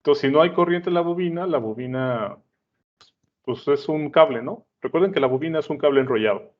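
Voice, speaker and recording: A man with a slightly high voice talks fairly quickly as he explains a lesson at the board. The teacher's manner is conversational, peppered with check-ins like "¿sale?" and "¿no?", captured in dull lo-fi sound.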